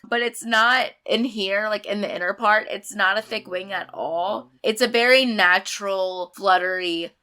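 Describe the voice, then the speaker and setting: A young woman reviewing a beauty box in a chatty, emphatic way, hoarse and sick with a sore throat. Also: fairly low pitch, pushed and bright. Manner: chatty, emphatic, rambling asides. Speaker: beauty vlogger. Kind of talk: casual unboxing review.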